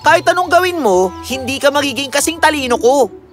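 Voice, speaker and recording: A woman voicing a proud, clever young prince who answers with haughty, sharp retorts in a storybook cartoon. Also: high voice, animated, fairly quick, over music.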